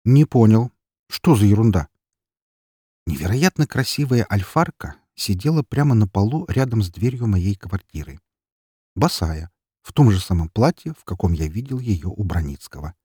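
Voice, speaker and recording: A man reading a first-person audiobook with an ironic, lively delivery. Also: on the low side, normal speed, slightly rough, no echo, clean studio sound. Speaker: audiobook narrator. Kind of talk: scripted narration.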